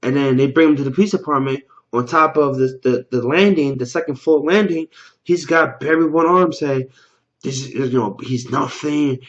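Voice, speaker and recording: A man's voice: a little high, fairly quick, highs cut off. A man casually recapping a TV episode, rambling, stumbling over words and repeating himself, with loose slangy talk. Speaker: TV episode reaction vlogger.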